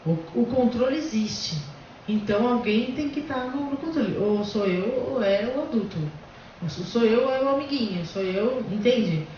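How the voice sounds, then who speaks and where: A woman's voice: fairly high pitch, normal speed, a little mellow, slight background noise. A woman hosting a casual discussion, explaining bluntly and emphatically. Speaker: host. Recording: echoey, distant, dull lo-fi room.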